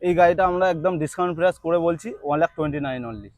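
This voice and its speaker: A man with a West Bengal accent giving an insistent hard-sell sales pitch as a used motorbike dealer, repeating prices and offers. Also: very fast, dry recording.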